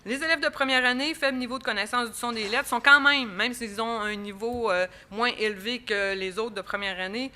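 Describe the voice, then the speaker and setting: Quebec french woman giving a research talk, bright clear voice, lots of euh and restarts. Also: a little high, brisk, few pauses. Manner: explanatory, many fillers and restarts. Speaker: education researcher presenting at a conference. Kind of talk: academic conference talk.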